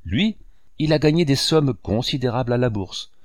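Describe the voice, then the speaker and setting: A man voicing a scheming young chambermaid who speaks in a hushed, confiding way. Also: medium pitch, lively intonation, moderate pace, dry recording, studio quality, voice pushed up, close to an everyday voice.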